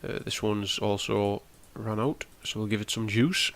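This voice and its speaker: This gaming channel host is a young man whose cold leaves him nasal and snotty; he rambles through a casual gameplay walkthrough, explaining along the way and saying um a lot. His lowish voice is gravelly and a bit bright, with fairly even intonation at a measured pace.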